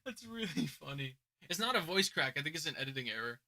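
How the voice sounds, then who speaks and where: A young man hosting his channel and judging beatbox entries in casual reaction commentary, chatty, laughing often, and shifting between mumbled asides and loud remarks. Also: on the high side, big pitch swings, quick pace, creaky. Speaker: beatbox judge and channel host. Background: beat music playing.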